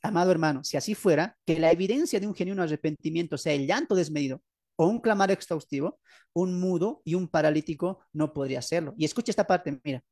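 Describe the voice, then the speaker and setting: A pastor explains the teachings of his book at a quick pace, his voice a little high with a darkish tone. Rhetorical questions to the audience and repeated key phrases mark this teaching sermon, recorded dry with clean studio sound.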